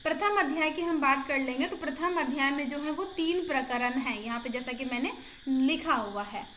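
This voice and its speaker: A high-pitched woman teaches an exam-prep lesson over her screen, chatty and encouraging, and she repeats each answer aloud for her students. A faint hiss sits under her voice. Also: moderate pace, fairly bright tone, roomy sound. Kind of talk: casual online lesson.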